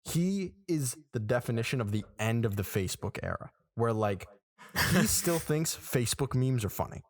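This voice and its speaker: Slight background noise accompanies a man in his twenties speaking at normal speed in a mid-range voice. He co-hosts a podcast from a small room, casually telling lively stories and voicing people's reactions.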